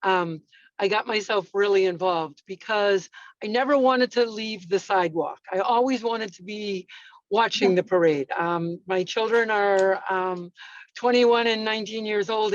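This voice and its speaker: A woman's voice: mid-range voice, a little slow, no echo. A woman calls in over her car speakerphone while she drives, chatty and enthusiastic. Her voice comes through dull and muffled, with a very dry sound and no room around it. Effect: speaking over a car speakerphone while driving. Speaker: parade volunteer. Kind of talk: video meeting call. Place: in a car, driving.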